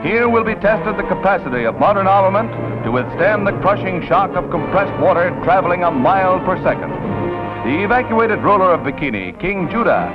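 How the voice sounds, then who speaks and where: Man, American accent, high voice, emphatic newsreel narration, dull vintage 1940s soundtrack, loud music behind. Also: expressive, a little fast. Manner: dramatic, emphatic announcing.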